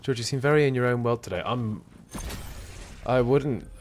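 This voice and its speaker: A man's voice: medium pitch, normal speed, a little mellow, slight background noise. A tired man, chatting casually and reading out viewer questions while gaming, in a laid-back, rambling, self-deprecating way. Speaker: streamer.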